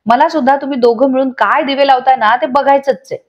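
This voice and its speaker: Woman voicing a scolding middle-aged housewife, exasperated, high voice, lo-fi muffled. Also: fast, lightly acted. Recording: slightly dull lo-fi audio.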